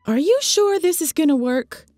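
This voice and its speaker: A woman's voice: high voice, animated, moderate pace, dark tone, dry recording, soft background music. A woman voicing a dim, anxious, chatty Labrador with a nervous, rambling manner in a comic dub.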